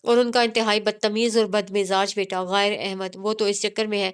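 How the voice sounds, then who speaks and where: A woman's voice: mid-range voice, flat delivery, clean tone, lightly acted. A woman voicing a short-tempered, possessive young male cousin in a story reading, speaking with scorn and commands. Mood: scornful.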